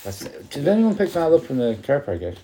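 A man's voice: on the high side, very animated, brisk, mellow. A man in his forties with a west of Ireland accent, bantering casually as a jokey, sweary podcast host. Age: 40s.

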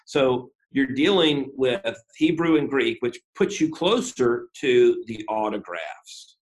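A pastor, male, explains where he stands during an interview, working through it carefully and step by step. He fills gaps with frequent ums and uhs and pokes a bit of fun at himself. His voice is mid-range and animated, captured on poor audio.

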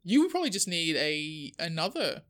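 A podcast co-host in casual chat, teasing in a dry, deadpan way. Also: mid-range voice, a little fast.

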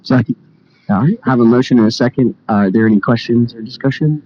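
A man's voice: mid-range voice, fast. A man speaking as a committee chairman, running through formal meeting business in a conversational way. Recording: dull lo-fi meeting-room audio.

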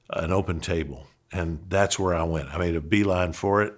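A middle-aged man with a Southern accent from Kentucky, a pastor telling a personal story in an earnest, animated way with frequent restarts. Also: low voice. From Western Kentucky, USA. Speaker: pastor and podcast host.

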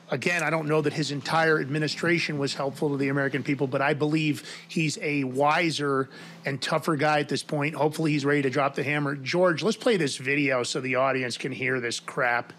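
Guy hosting a political chat show, kinda high voice, gets worked up and laughs a lot. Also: a little fast, a little hiss or hum. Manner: animated, laughs while reading. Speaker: podcast host. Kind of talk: casual political talk.

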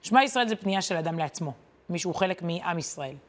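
A woman giving a weekly Torah lesson in a conversational, animated way, often pausing on hesitation fillers. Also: on the low side. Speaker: Torah teacher.

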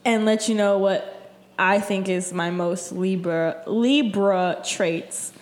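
A woman's voice: mid-range voice, steady tone, takes it slowly. A woman in her twenties in a casual podcast chat, chatty and swearing, reading traits aloud.

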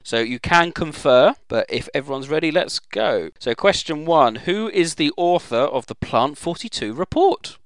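A man's voice: on the high side, lively intonation, moderate pace, few pauses, smooth, no echo. A man hosting a casual group chat, talking informally and jokily into a close microphone. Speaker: quiz host and podcast panellist.

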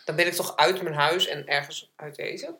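A woman co-hosting a casual podcast, cracking jokes and bantering quickly. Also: low-pitched, pushed and bright, echoey room. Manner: joking and quick-witted. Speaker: podcast co-host.

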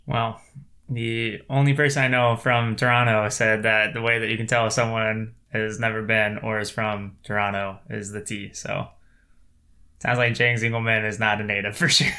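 Casting: American guy, gravelly and bright, rambly self-mocking podcast co-host. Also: medium pitch. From United States. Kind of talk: casual chat.

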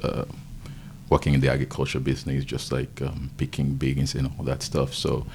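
A man from Haiti with a Haitian accent, a podcast guest telling his story in a thoughtful, halting way with many fillers. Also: rumbling low, monotone, creaky, a little mellow, a little hiss or hum. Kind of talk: casual interview.

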